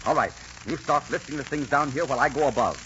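On a hissy, muffled old radio recording, an actor portrays a bold pirate captain who commands firmly and teases his captives. The delivery is authoritative, only lightly acted, in a quick, mid-range voice that's a bit bright.

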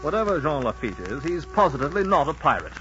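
A man's voice: a little high, sing-song, quick pace. An actor playing a skeptical townsman who dismisses the gossip, in an old radio drama. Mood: dismissive. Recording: muffled old radio recording with loud music.

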